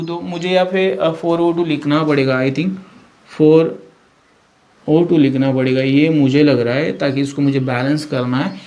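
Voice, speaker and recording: A man's voice: a little high, darkish tone. A male science teacher who works through a chemistry lesson at the board, thinking aloud with fillers and self-corrections.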